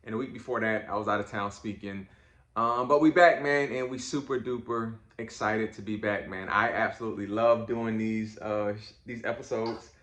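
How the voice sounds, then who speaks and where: A middle-aged father co-hosts a podcast with his daughter, keeping the casual chat playful, teasing, and laid-back with plenty of fillers. His voice is on the low side and a bit bright, at a moderate pace, with a roomy sound.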